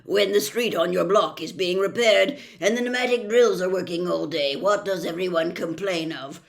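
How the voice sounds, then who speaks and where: A narrator voicing a blustering male storybook doctor, booming and emphatic, with a declamatory delivery. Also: normal speed, creaky, natural voice. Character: blustering, roaring male doctor who adores noise.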